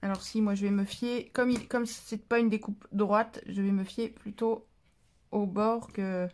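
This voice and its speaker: Level in tone and a bit slow, a woman with a darkish, medium-pitched voice leads a casual craft tutorial in papercraft. She chats, stumbles, and corrects herself mid-sentence, stopping between steps to scold and coo at her cat.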